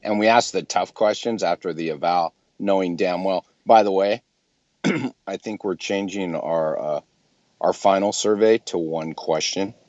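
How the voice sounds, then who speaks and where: A man who runs a clinic, talking casually and emphatically in a group discussion, often clearing his throat. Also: deep voice, a little slow, a little mellow, no echo, dull audio. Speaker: clinic owner.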